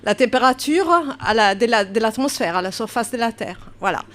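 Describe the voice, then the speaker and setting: A woman's voice: on the high side, brisk, fairly bright tone. Italian-born woman speaking French, hesitant. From Italy. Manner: hesitant, many fillers, asks the audience. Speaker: oceanographer speaker. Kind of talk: public science talk. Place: café event room.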